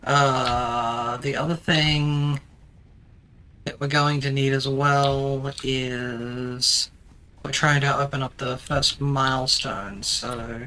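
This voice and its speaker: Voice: mid-range voice, bright, forceful tone. A streamer chatting casually while playing a game, teasing a co-player and explaining things with a dry wit and lots of ums.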